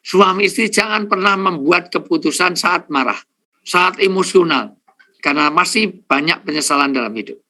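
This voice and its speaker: This middle-aged Islamic preacher has a high, animated voice with a sharp tone and speaks at a normal speed. Before a live audience he jokes through a humorous sermon, addressing people directly and enumerating his points.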